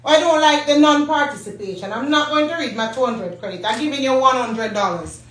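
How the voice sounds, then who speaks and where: A woman's voice: high-pitched, a little fast, a little hiss or hum. Playful woman host in an echoey room. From Jamaica. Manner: playful and teasing, laughs often. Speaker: host and company CEO. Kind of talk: casual live-stream giveaway. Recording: echoey room, mic at a distance.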